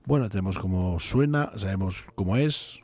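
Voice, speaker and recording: A man's voice: sits low, animated, a little fast, darkish tone, faint music behind. A man, a native Spanish speaker, giving casual commentary as he plays a video game. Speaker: gameplay streamer.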